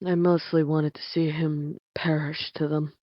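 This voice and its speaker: A woman playing a tabletop game, narrating her character's actions in halting bursts in casual role-play. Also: deep voice, level tone, no echo. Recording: dull lo-fi stream mic.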